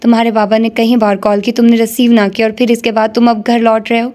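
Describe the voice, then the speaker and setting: Woman reading as a calm older mother. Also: fairly high pitch, lightly acted. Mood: firm. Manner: calm, soothing.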